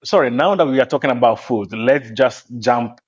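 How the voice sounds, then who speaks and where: A man hosting a podcast as a health coach, asking questions in a halting way with many restarts. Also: mid-range voice. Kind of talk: podcast interview. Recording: dull lo-fi audio.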